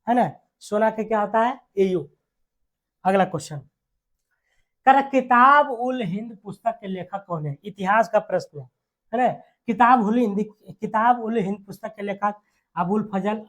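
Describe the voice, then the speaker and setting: A teacher delivers an exam lesson, drilling each answer by saying it twice. Short rhetorical questions and tags keep checking on the listener. The pitch sits in a middle range. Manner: repeats key words, quizzes with "है ना" tags. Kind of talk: classroom-style exam lesson.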